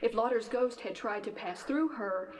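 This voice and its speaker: A woman's voice: fairly high pitch, moderate pace, noisy background, close to an everyday voice. An actress playing a woman in a dubbed eighties horror film, with stiff, wooden delivery. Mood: dramatic.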